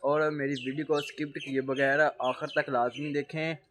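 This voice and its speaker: A man's voice: a little high, little pitch movement, normal speed, fairly bright tone, a little hiss or hum. A man, vlogging casually outdoors on a farm, talking straight to viewers and calling out to helpers. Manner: chatty, addresses viewers directly, calls out to helpers. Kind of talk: casual vlog commentary while working outdoors.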